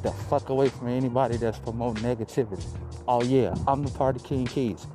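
A man's voice: medium pitch, a little fast. A man hosting a casual motivational podcast, swearing and repeating himself for emphasis, his speech slightly muffled by a face mask. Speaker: podcast host. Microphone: close podcast mic, spoken through a mask. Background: music.

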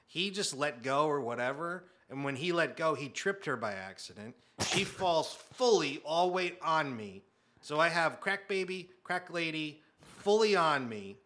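Thirties man, guest storyteller, bright and punchy, flips into quoted voices and low asides. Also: measured pace. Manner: animated, acts out quotes, drops to muttered asides. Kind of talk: casual comic storytelling.

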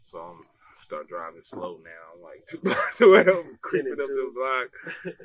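A young man telling a casual story among friends, animated and laughing, full of slang and swearing. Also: mid-range voice, a little slow, a crowd in the background.

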